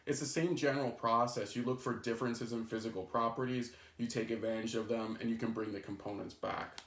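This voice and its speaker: A man at a mid-range pitch talks through a chemistry lesson for his students. He explains each idea step by step. He keeps pausing to check in with "okay?" and "right?". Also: fairly even intonation, a bit bright. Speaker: chemistry instructor. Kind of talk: recorded lecture.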